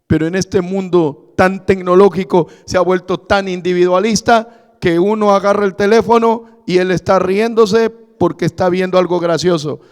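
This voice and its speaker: A man preaching a sermon as pastor, telling stories softly and then building to loud preaching. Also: high voice, fairly even intonation, normal speed. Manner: storytelling, quietly quoting others, then rising to loud preaching. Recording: long reverb of a church hall.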